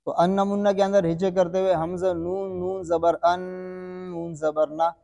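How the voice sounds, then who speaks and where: High-voiced male teacher in an echoing room. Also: flat delivery, vocal fry, warm tone. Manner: repeats questions to the students and answers them himself; slow, drawn-out demonstration recitations. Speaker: Quran recitation teacher. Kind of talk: classroom-style recitation lesson.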